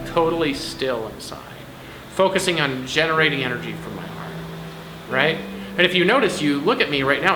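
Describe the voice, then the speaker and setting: A man's voice: fairly high pitch, background noise. A man giving casual meditation instruction to camera in a rambling, conversational way, often tagging phrases with "right?" and "like". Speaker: meditation teacher. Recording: echoey room with music behind. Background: background music.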